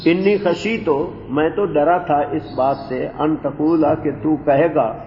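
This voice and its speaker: A man teaching a Quranic exegesis lesson, explaining Arabic grammar word by word in a calm lecturing way. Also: on the high side, slight background noise. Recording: dull roomy recording with long reverb.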